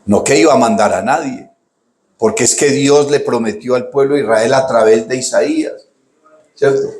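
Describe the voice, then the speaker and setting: A male pastor with a Colombian accent delivers a conversational sermon in a middle-pitched voice. He keeps asking "¿cierto?", calls listeners "hermano", and jumps high and loud when he acts out quoted cries. The roomy recording gives his voice a clear echo. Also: moderate pace. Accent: Colombian Spanish. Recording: roomy, echoey sound.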